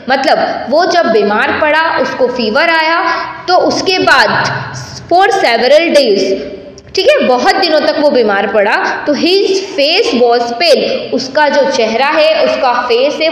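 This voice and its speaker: High-voiced woman teacher in an echoey room. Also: fairly bright tone. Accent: Indian English. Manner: reads English slowly, explains in Hindi, asks and answers own questions. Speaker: school teacher. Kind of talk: classroom lesson. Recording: heavy echo, long room reverb.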